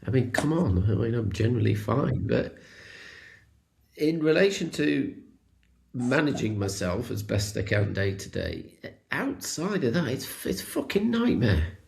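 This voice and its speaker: A man's voice: mid-range voice, sing-song, a little slow, gravelly, darkish tone. A man from the British Isles co-hosting a casual talk, candid and rambling. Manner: candid, rambling, with laughs and swearing. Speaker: co-host. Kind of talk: casual conversation.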